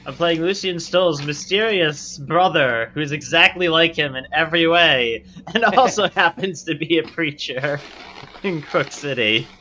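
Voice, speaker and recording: A man speaks slowly in a bright, fairly high voice, joking with his fellow players during a livestreamed tabletop game. He laughs often and teases the game master. A faint hiss runs under the voice. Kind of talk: casual livestream chat.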